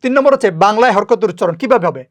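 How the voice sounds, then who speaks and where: A teacher giving a patient, step-by-step lesson on reading the Quran, repeating each rule slowly. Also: mid-range voice, animated.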